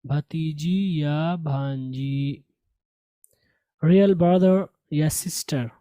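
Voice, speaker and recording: A man teaching a language lesson at an unhurried pace, saying each word twice and stopping to fix pronunciation. His voice is soft and mellow, recorded dry and close with no room sound. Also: fairly high pitch, clear, resonant tone, no room sound. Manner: slow, repeats each word, corrects pronunciation. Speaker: English teacher.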